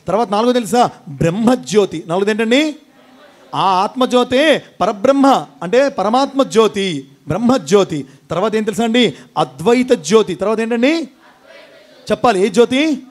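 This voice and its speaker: A man gives a fervent devotional sermon to a gathering, his voice pitched high for a man. He reels off long chains of titles and keeps asking his listeners questions. Now and then he breaks into chants and call-outs. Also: expressive, normal speed, pauses often. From India. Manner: fervent, chanting lists of epithets, quizzing the audience. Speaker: devotional speaker.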